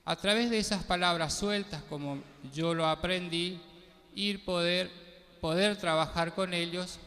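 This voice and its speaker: Slow-speaking man, reverberant hall. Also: on the high side, bright, forceful tone. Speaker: speaker on guaraní teaching.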